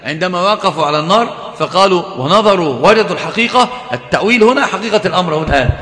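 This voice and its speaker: A man giving a religious lecture on a classical text, emphatic and quick, often asking the audience rhetorical questions. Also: high voice, expressive, pushed and bright. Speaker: Islamic scholar teaching a text. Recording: echoey hall.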